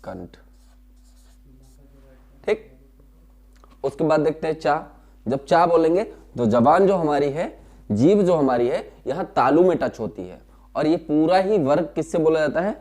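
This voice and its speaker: A man's voice: on the high side, expressive, measured pace, pauses often, warm tone. Male teacher, classroom lesson: patient, repeats terms, sounds out syllables, answers his own questions.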